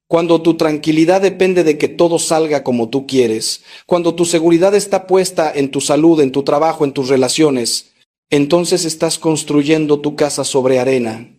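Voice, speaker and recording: Emphatic preaching man, slightly high voice. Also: a little mellow. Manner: emphatic, with rhetorical repetition; swings between raised, intense lines and low, slowed ones. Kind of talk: sermon.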